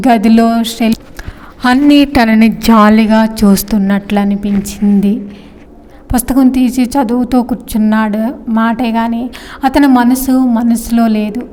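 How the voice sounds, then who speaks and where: A woman reading a story aloud in a steady, expressive narration. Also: a little high, long reverb tail.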